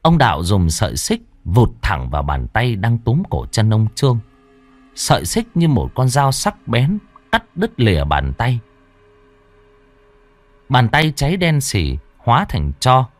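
A man tells a ghost story with a very lively pitch that rises and falls dramatically. His voice sounds dry and close, with soft music underneath. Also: measured pace, no echo. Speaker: narrator. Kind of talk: storytelling narration of a horror tale.

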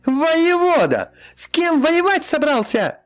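A man doing a shrill scolding girl healer. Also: wildly swooping pitch, slow pace, faint music behind, heavily acted. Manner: loud, brash, scolding.

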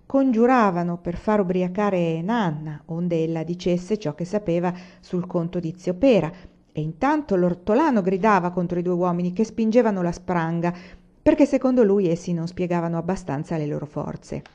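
A woman reading a classic novel aloud in a measured, even storytelling manner. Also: on the low side, muffled recording. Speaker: audiobook reader. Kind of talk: literary audiobook narration.

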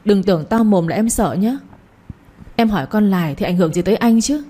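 A woman's voice: animated, a little fast, warm tone, close to an everyday voice. A woman voicing a jealous, quarrelsome young wife who accuses her husband in a read-aloud story. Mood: furious. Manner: shrill, accusing.

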